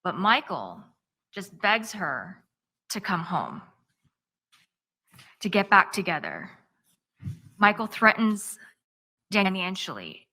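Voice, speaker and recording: Bright-voiced woman lawyer addressing a courtroom. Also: mid-range voice. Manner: tells events step by step in present tense, measured. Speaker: defense attorney. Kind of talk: courtroom opening statement.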